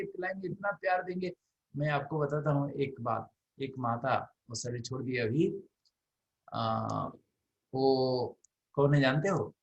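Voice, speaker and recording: A middle-aged man giving a devotional class, telling warm stories and acting out the elders he quotes. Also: mid-range voice, slight background noise, poor audio. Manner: animated storytelling, acts out quoted elders in soft and raised voices. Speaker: spiritual class teacher. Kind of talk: devotional storytelling talk.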